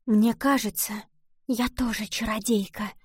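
A woman voicing a shy, earnest young schoolgirl who speaks quietly and hesitantly. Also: fairly high pitch, expressive, a little slow, no room sound, studio quality. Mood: timid.

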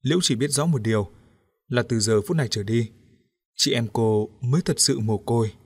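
A man narrating an audiobook story in a steady, even storytelling manner. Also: medium pitch, normal speed, breathy edge.

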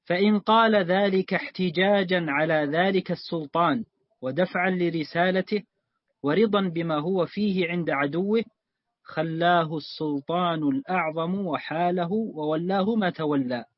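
A man reading a classical text aloud in a lesson, in a measured, formal recitation. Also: sits high, dry recording. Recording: dry, dull lo-fi recording.

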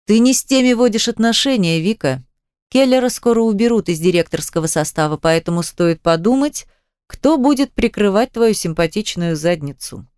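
A woman's voice: mid-range voice, animated, normal speed, darkish tone, clean tone, no room sound, clean studio sound, lightly acted. A woman voicing a domineering, menacing male boss in an audiobook, speaking in a mocking, coercive way.

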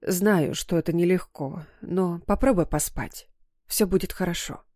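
A soothing, worried mother speaks softly in a lowish voice, as a woman narrator puts her on. The audiobook sound is dry and close. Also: measured pace, no room sound. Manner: soft, soothing.

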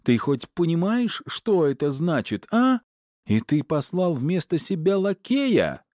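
A man doing a shrieking, cursing goddess wife, high and strained, dry close audiobook voice. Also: wildly swooping pitch, moderate pace, darkish tone, no room sound. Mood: furious. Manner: screaming insults, hissing sarcasm. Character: furious young goddess wife, shrill and cursing.

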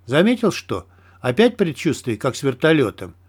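A male audiobook narrator voicing a wary, terse veteran stalker in short clipped remarks, pitched a little lower than his narration. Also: wildly swooping pitch, normal speed, breathy edge. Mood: gruff, dry. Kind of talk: audiobook character dialogue.

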